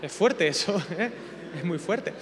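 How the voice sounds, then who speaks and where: A man preaches with humor, firing off rhetorical questions. His voice sits high for a man. A long reverb of a church hall trails behind him. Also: animated, a little slow, fairly bright tone, slight background noise. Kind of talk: sermon.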